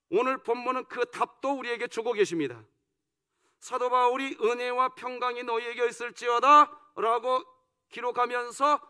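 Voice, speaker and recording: A man's voice: extremely high pitch, bright, forceful tone, clear, resonant tone. A male senior pastor preaching a sermon, leading the congregation in call-and-response and teasing them playfully. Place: church sanctuary.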